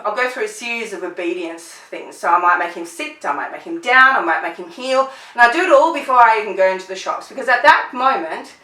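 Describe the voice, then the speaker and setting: A middle-aged woman teaching dog training in a conversational way, checking in with "right?" and acting out commands in sharp bursts. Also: medium pitch. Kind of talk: instructional talk to clients. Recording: roomy echo, voice from a distance.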